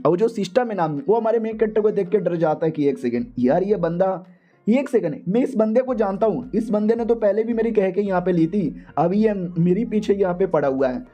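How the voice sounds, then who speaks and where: A man's voice: high-pitched, expressive, a little fast, highs cut off, soft background music. A man narrating a comic story recap in a chatty, slangy, joking way. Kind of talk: casual comedic story recap.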